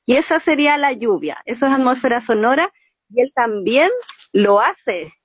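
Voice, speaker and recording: A woman explains storytelling techniques patiently and step by step. Her voice sits a little high. The recording is dull and dry. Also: expressive, moderate pace, breathy edge, no room sound. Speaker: storytelling teacher. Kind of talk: explanatory interview talk. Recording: muffled, dry sound.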